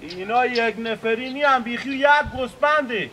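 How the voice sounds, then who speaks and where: A man's voice: very high-pitched, bright, forceful tone, slight background noise. A man with a Gilaki accent playing a sensible villager who lectures a naive friend in a comedy sketch. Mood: lecturing. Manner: lecturing, explaining.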